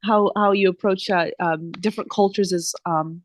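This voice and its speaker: A woman's voice: mid-range voice, steady tone, moderate pace, no echo. A woman hosting a podcast interview, chatting casually with frequent hesitant fillers. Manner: hesitant, many fillers, friendly. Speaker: podcast host.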